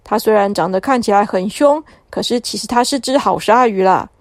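A woman narrating a children's bedtime story in a gentle storytelling manner. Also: mid-range voice, brisk, no echo, clean studio sound. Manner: warm, soothing storytelling.

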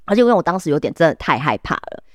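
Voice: medium pitch, very fast, no room sound, clean studio sound. A podcast co-host with a Taiwanese Mandarin accent, telling a story in casual chat. They laugh often and slip into acted voices when quoting people. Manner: animated storyteller, laughs often, many "then" restarts; quotes others in acted voices.

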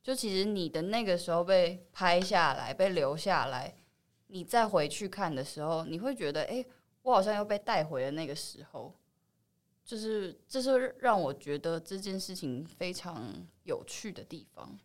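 A film actress with a Taiwanese Mandarin accent answers interview questions in a thoughtful, explanatory way, occasionally mixing in English words. Her voice is on the low side, with lively intonation and a moderate pace, suiting the reflective interview chat.

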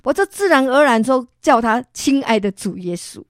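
A woman from Singapore, an interview guest telling her personal faith testimony as an animated storyteller who acts out other people's lines and laughs as she goes. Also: a little high, moderate pace, dry recording, studio quality. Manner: expressive, laughs while telling.

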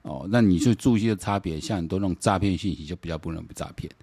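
A man's voice: low-pitched, fast, mellow, husky, dry recording. A middle-aged man with a Taiwanese accent hosting a political commentary podcast, rambling and repeating words, slipping into Taiwanese Hokkien and firing off mocking rhetorical questions. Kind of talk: casual solo political commentary.

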